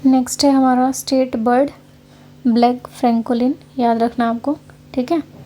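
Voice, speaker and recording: A woman's voice: on the high side, steady tone, measured pace, warm tone. A woman from Haryana teaching an online exam-prep class in a conversational way, checking in often with her listeners. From Haryana, India. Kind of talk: casual lecture over slides.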